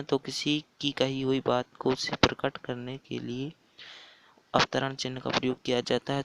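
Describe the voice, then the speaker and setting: Guy teaching a grammar lesson, kinda monotone, bit gravelly, goes step by step. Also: mid-range voice, slight background noise, poor audio. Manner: plain step-by-step explaining, often starting lines with "so". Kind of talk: explaining a school grammar lesson.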